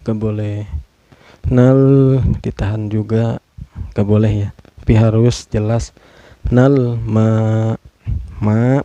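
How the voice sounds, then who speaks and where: A man's voice: lowish voice, mellow, dry recording, muffled recording. A man teaching Quran recitation rules, patiently spelling out each rule and stretching words to demonstrate. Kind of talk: tajwid lesson with slow demonstrative recitation.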